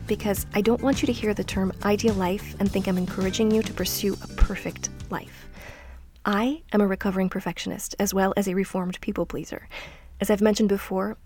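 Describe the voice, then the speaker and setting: A middle-aged woman hosting a scripted self-help podcast, speaking softly and reflectively, often trailing into a near-whisper. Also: mid-range voice. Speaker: podcast host.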